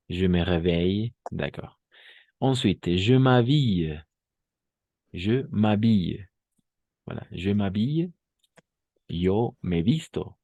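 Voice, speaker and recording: A man's voice: on the low side, warm tone, no echo, dull audio. A male French teacher giving a bilingual lesson, patiently repeating each phrase and often checking that the class understands.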